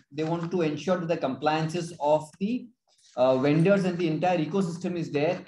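A man with an Indian accent explaining as a consultant in a webinar, haltingly, often repeating and rephrasing his phrases. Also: fairly high pitch, darkish tone, slight background noise. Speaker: tax consultant presenting a webinar. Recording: roomy, echoing webinar audio.

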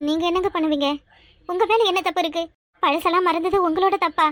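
A woman voicing a tearful mother, very high. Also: steady tone, fast talker, fairly bright tone, no room sound, clean studio sound. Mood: sorrowful. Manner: tearful, earnest pleading. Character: loyal wife and mother, sorrowful but firm. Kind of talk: cartoon voice acting.

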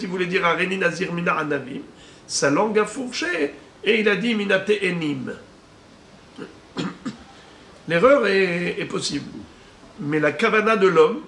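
A man, a rabbi, teaching a Talmud lesson, slowly reading out Hebrew and Aramaic terms and explaining each one. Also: high-pitched, a bit bright. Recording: echoey room with faint ambient noise.

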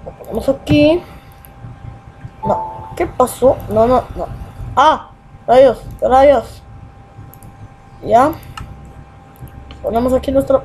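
A young man with a Peruvian accent giving excitable gameplay commentary, muttering repeated words and swearing as he plays. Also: extremely high pitch, takes it slowly, long pauses, a little hiss or hum, rough recording. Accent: Peruvian Spanish. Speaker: gamer.

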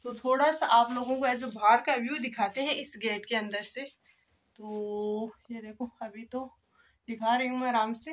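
A chatty young vlogger, her voice on the high side, tours an old empty brick house indoors and outdoors with her phone at arm's length. She talks casually to viewers as friends and relies on filler phrases.

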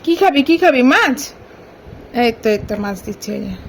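A woman's voice: high voice, very animated, a little fast, a little hiss or hum. A young woman at home talking to her toddler in a casual vlog, coaxing and repeating herself in a sing-song way. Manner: coaxing, repetitive, sing-song toward a small child. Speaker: mother and vlogger. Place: home, indoors.

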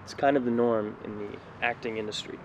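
A man's voice: medium pitch, steady tone, fairly quick, dull audio, background noise, close to an everyday voice. An actor playing a nervous young male actor who stammers and hesitates. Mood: stiff.

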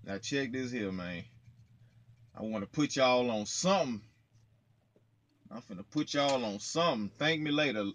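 A man's voice: medium pitch, moderate pace, pauses often, a bit bright. Slangy, playful young man in a truck. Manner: slangy, playful, talks straight to viewers. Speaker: trucker vlogger. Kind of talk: casual vlog chat. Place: parked truck cab, indoors, small.

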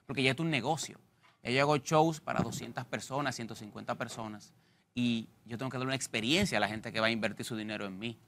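On a TV studio set, a Dominican stand-up comedian in his thirties chats animatedly as a guest on an interview show. His mid-range voice moves at a quick pace, carrying a Dominican Spanish accent. He jokes around, stays lively, and talks with his hands.

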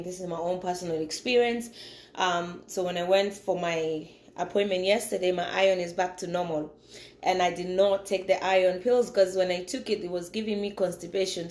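Talking casually to camera from her home kitchen, a woman in her thirties keeps things upbeat and chatty, addressing viewers as "guys." Her voice is lowish with a darkish tone, captured by a phone propped on the counter in an echoey room.

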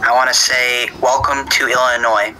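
A man's voice: medium pitch, level tone, normal speed, pushed and bright, slight background noise, poor audio. A young man chatting casually on a video call, giving short, laid-back replies. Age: young adult. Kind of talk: casual chat.

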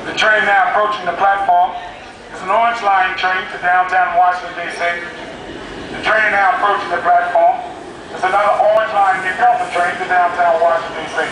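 A transit worker making train announcements through a bullhorn on a train platform, drawing out the station names in a sing-song call. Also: male voice, high-pitched, flat delivery, brisk. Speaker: transit employee. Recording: echoey, distant, noisy platform.

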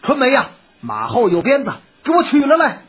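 A storyteller voicing a swaggering, harsh rich man with a gruff, blustering manner, in a dull lo-fi recording. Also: high-pitched, huge pitch swings, normal speed, slight background noise, voice pushed up.

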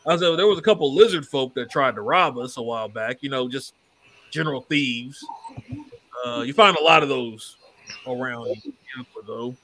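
Bright-voiced man running a tabletop game. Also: medium pitch, moderate pace, poor audio. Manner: laid-back, loose storytelling. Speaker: dungeon master.

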